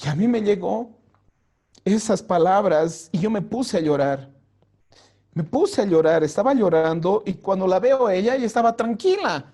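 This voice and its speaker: Male pastor, personal testimony, high and earnest, raises his voice when he acts out quotes. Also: lively intonation. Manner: drops soft and slow for prayers. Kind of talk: personal testimony to a youth group. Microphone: home mic for an online vigil.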